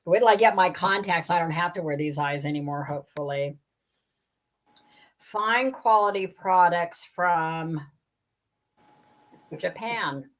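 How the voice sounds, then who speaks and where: A woman's voice: on the low side, measured pace, pauses often. A woman hosting a live online sale, chatting casually and rambling, correcting herself as she goes. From western United States. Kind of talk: casual live-stream selling chat.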